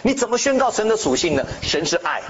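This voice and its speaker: A man preaches with a high voice that leaps and drops across a wide range. He throws out rhetorical questions and acts out bold declarations. The recording is dull and lo-fi with a faint hiss behind. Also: very animated, fast. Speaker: pastor. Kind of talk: sermon. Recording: dull lo-fi sound with faint noise.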